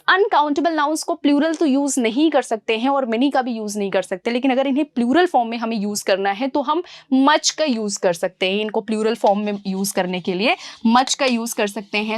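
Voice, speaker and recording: A woman's voice: fairly high pitch, normal speed, hardly any pauses, dry recording. A young woman teaching an exam-prep grammar lesson, calling her students "beta" and asking questions she then answers herself. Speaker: English teacher.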